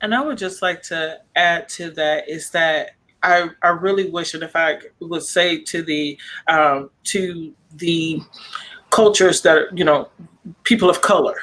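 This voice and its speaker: A man's voice: on the high side, unhurried, sharp tone. A man speaking on a panel discussion, passionate and emphatic, who acts out the voices of relatives as he makes his points. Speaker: panel guest.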